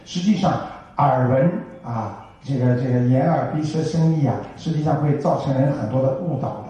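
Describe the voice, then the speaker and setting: A man's voice: mid-range voice, moderate pace, mellow, muffled recording. Older man giving an echoey Buddhist talk. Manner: folksy, full of rhetorical questions. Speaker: Buddhist teacher. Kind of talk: Buddhist dharma talk to an audience. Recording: echoey hall from far off.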